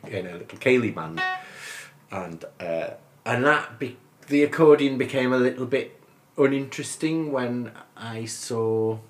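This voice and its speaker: A man in his fifties from northern England, a musician chatting as a guest in a relaxed, rambling, good-humoured way, often laughing as he talks. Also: lowish voice, slight background noise. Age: 50s. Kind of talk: casual interview chat.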